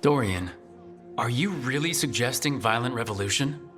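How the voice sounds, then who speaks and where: An actor playing an earnest, level-headed rebel hero in a video game, speaking in a straightforward manner. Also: male voice, medium pitch, expressive, normal speed, fairly bright tone, faint music behind, lightly acted. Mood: serious, questioning. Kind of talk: video game dialogue acting.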